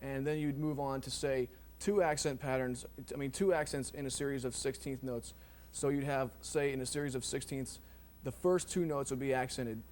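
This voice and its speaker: A man teaching drum technique in a relaxed, rambling way, full of ums and you knows. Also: mid-range voice, moderate pace, hardly any pauses, slight background noise. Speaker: drum instructor. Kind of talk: casual instructional explanation.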